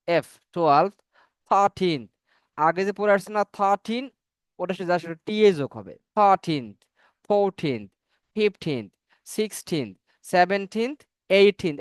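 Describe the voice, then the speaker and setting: A man teaching a spoken English class, repeating each number slowly so learners can say it after him. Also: high-pitched, clear, resonant tone, no room sound.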